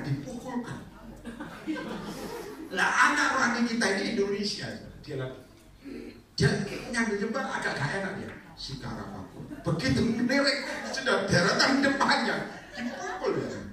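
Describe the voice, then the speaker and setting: Animated preacher man in an echoing hall. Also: sits high, normal speed, a crowd in the background. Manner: animated, colloquial, teasing the congregation. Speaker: evangelist. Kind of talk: charismatic sermon. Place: prayer meeting hall. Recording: echoey hall, mic far off, faint noise.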